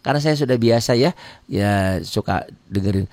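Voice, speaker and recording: A man's voice: vocal fry, darkish tone, dry recording. A middle-aged man teaching Quran reading in a casual, chatty live online lesson, answering viewer comments and acting out little dialogues, sounding a bit tired. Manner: casual, chatty teaching with quick pitch jumps and acted-out dialogue.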